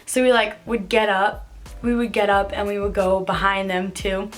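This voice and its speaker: A woman's voice: normal speed, soft background music. Chatty woman telling a storytime vlog. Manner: chatty, filler-heavy telling with many "like"s; excitable, jumps high when quoting voices. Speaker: vlogger.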